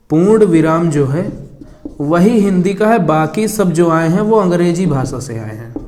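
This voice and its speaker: A young male teacher gives a grammar lesson at a board. His voice sits somewhat high, and he dictates slowly, saying each word again as he writes it down. He keeps asking questions and then answering them himself. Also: a little mellow. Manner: slow dictation, repeating words as he writes.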